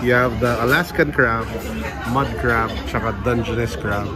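With music playing in the background, a thirtysomething Filipino-accented man banters playfully in Taglish for his travel vlog, filmed on a handheld camera or phone held at arm's length. His voice is mid-range at a moderate pace, and he's always on the move, from hotel rooms to malls, streets, and restaurants.

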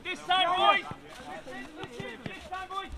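A football coach with an English accent, outdoors on a beach, shouting quick clipped commands and encouragement to his players during a training drill. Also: very high-pitched, completely flat delivery. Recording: outdoor wind and crowd of players.

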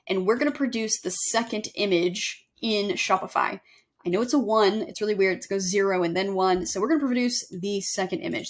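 A young woman giving a casual screen-share software tutorial, chatty and self-correcting as she walks through each step. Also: fairly high pitch. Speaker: email marketing instructor. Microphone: webcam overlay on screen recording.

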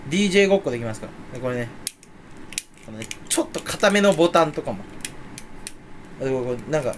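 A young man rambling in casual, rough speech on his own vlog, grumbling with mock indignation. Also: medium pitch, expressive, fast, slight background noise. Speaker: YouTuber. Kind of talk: casual solo vlog talk.

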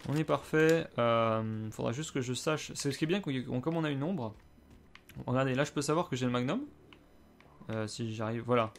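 A man with a mid-range voice talks at a moderate pace over slight background noise. He's a gamer commenting live on his own play, casual and hesitant, swearing and bursting into sudden exclamations.

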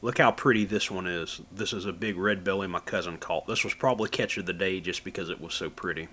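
Folksy man narrating fishing tips, low voice. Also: fairly even intonation, brisk, sharp tone, breathy edge. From Florida, USA. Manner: plain, folksy how-to explaining with fillers. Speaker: fishing channel host. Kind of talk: voice-over narration of outdoor fishing footage.

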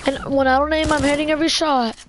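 A young woman in her twenties streaming a shooter game, chattering excitably and rambling with lots of "like" fillers. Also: sits high, fast talker, background noise. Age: 20s. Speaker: gamer streaming. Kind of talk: casual gameplay chatter.

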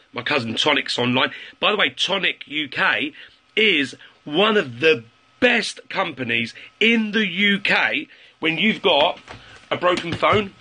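A man's voice: a little high, sharp tone, breathy edge. A man giving casual sales tips on a phone livestream, chatting with viewers and repeating key phrases. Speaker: network marketing livestreamer.

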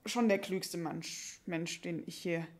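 A woman with a lowish, steady voice improvises as a casual female lumberjack wavering over a job offer, recorded on a stand microphone on a small, dark, curtained stage. She sounds hesitant and easygoing, speaking in halting colloquial bits that trail off.

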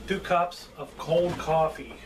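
Higher-voiced man, distant noisy home recording. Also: takes it slowly. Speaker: chef hosting a cooking and board game show. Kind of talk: casual instructional vlog talk. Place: indoors at home, table and kitchen. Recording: distant mic with background noise.

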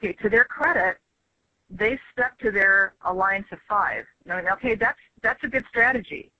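A woman in her fifties, a guest on an interview podcast, talking frankly and with lively emphasis in casual conversation. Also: mid-range voice, normal speed, dry recording, highs cut off. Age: 50s. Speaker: interview guest, former reality show contestant.

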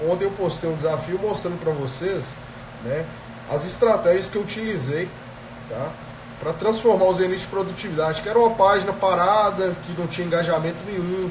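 Recorded in a small indoor room through a phone's earphone headset mic, this slightly high-voiced man sounds reverberant and far off, with noisy surroundings. He's in his thirties, speaks with a Brazilian Portuguese accent, and runs a productivity-coaching live stream while fighting a cold. Full of energy, he talks right to his viewers and keeps asking "tá?" to check on them.

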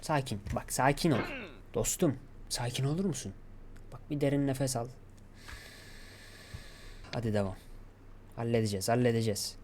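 A man giving gameplay commentary, talking to himself and coaxing himself to stay calm. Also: medium pitch, normal speed, pauses often, slight background noise. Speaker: gaming YouTuber.

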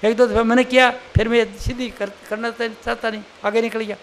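Speaking a little fast in a very high-pitched, level voice, an older man from India gives a satsang sermon. His teaching style is plain and conversational, drawing on everyday examples.

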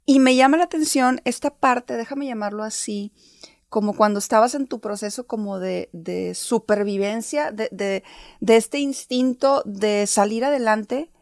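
A woman with a fairly high voice hosts an interview, recorded close and dry with no room sound. She speaks in long, effusive stretches that sum up and praise her guest's story. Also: unhurried, darkish tone, no room sound. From Mexico. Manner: effusive, long affirming summaries. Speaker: interview host. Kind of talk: warm reflective interview.

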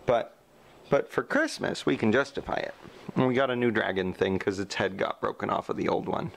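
A man's voice: on the low side, fairly quick, creaky. A man in his thirties chatting and joking into a handheld camera in a cluttered living room at home. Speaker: family vlogger. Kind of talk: casual home vlog.

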